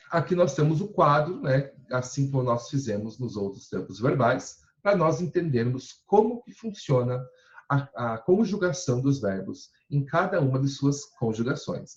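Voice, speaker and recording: A man teaching a recorded grammar lesson, with a patient, explanatory manner and lively, rising and falling intonation. He slows down to spell out each verb form and keeps checking in with his students. His voice sounds roomy and echoey, with a dull, lo-fi quality. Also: mid-range voice. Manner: ends phrases with checking tags like "tá?". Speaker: Portuguese teacher.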